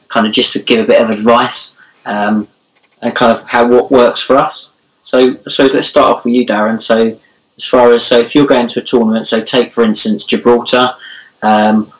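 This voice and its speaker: A man's voice: fairly low pitch, poor audio. A man hosting a casual chat show, steering the talk with lots of ums and likes. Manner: many fillers, leads the conversation. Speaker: show host.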